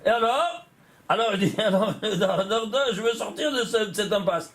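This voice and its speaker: A man's voice: sits high, animated, normal speed, a bit bright. A man, a rabbi, teaching a Torah lesson, chuckling often, restarting phrases and checking that his listeners follow. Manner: talks directly to listeners, checking they follow; chuckles often while explaining.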